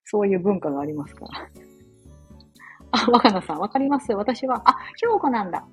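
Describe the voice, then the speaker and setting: A woman from Osaka hosting a casual live stream from her home kitchen, chatting in a rambling way full of fillers and quick apologies. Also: medium pitch, lively intonation, breathy edge, faint music behind, poor audio. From Osaka, Japan. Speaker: live audio stream host. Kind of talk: casual chat while cooking, reading listener comments.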